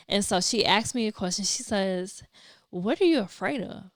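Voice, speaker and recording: A woman podcaster telling a personal faith story, acting out her own reactions in lively, animated storytelling. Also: mid-range voice, moderate pace, dry recording, clean studio sound. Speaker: podcaster and videographer. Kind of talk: personal testimony vlog.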